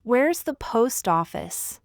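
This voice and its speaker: A woman reading short everyday phrases one at a time for language learners, slow and deliberate. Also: a little high, sing-song, gravelly, no room sound, clean studio sound. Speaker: language teacher.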